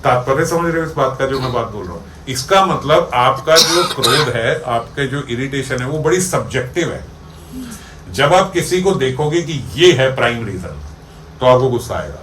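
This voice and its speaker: A man's voice: mid-range voice, animated, moderate pace. Male spiritual teacher, mid-range voice, talking with listeners in an echoey hall, light ambient noise. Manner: conversational, explains with everyday examples, checks listeners follow. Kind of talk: devotional discourse. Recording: echoey room with faint ambience.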